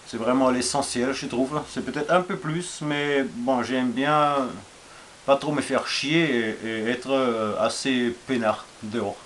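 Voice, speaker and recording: A man's voice: mid-range voice, slow pace, slight background noise. Man with an Austrian accent, hesitant. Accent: Austrian German. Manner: hesitant, many fillers and restarts, relaxed and informal. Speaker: survival gear vlogger. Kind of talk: casual show-and-tell vlog.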